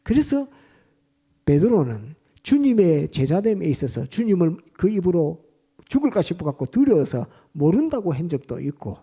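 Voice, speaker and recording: A man preaches, and his voice is fairly high yet very dark and mellow. He retells scripture as lively stories and hammers his points home by repeating them. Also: husky. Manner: emphatic, retells scripture scenes with vivid storytelling and repeated points. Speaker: pastor. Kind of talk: sermon. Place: church.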